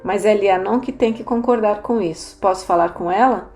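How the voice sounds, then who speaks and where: A woman reading the lines of a frank, dry older priestess in an audiobook, speaking in a measured way. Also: medium pitch, a little mellow, lightly acted. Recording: roomy echo, faint music.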